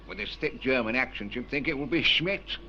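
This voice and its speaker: An amiable village stationmaster. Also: male voice, mid-range voice, lively intonation, normal speed, pushed and bright, a little hiss or hum. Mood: friendly. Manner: amiable, gossipy. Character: chatty, helpful village railway stationmaster. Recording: dull 1960s film soundtrack.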